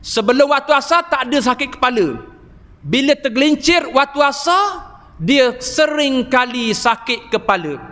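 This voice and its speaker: A preacher delivers an evening sermon in a large mosque. He tells stories with animated emphasis and exclamations. His voice is unusually high, and it rings with a long hall echo through the PA. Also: normal speed. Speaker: Islamic preacher and healer.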